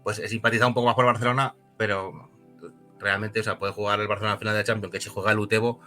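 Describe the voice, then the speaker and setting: A man from Spain, a football club director, talking in a halting, heartfelt way as an interview guest. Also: on the low side, flat delivery, bright, forceful tone, faint music behind. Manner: emotional, halting.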